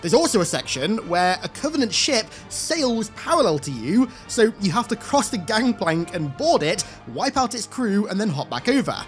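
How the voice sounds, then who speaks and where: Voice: medium pitch, very animated, moderate pace, few pauses, faint music behind. An enthusiastic video host giving scripted game commentary in an emphatic, hyperbolic way.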